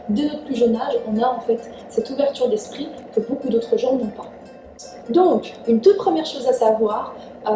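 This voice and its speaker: In an echoey room with faint music and a far-off mic, a young woman originally from Iran gives heartfelt, talkative relationship advice for her casual vlog. Her voice is on the high side and mellow, and "en fait" comes up frequently.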